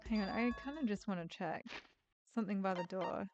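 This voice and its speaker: A woman's voice: medium pitch, brisk. A woman playing through a story game on stream, reading every character's lines aloud with casual asides. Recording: slightly dull lo-fi mic with faint music.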